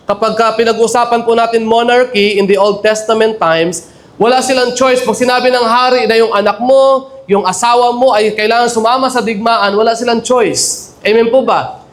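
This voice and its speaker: A male pastor with a Filipino accent preaches from the pulpit of a church. His voice sits very high, and he keeps checking in with the congregation through short call-and-response asides. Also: steady tone, moderate pace. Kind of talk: sermon.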